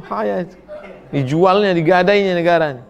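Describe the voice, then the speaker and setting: A middle-aged man, a preacher answering listeners' questions in a humorous, animated sermon. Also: high-pitched, moderate pace, gravelly, lo-fi sound. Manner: humorous, animated, acts out quoted voices; reads listeners' questions aloud, then answers.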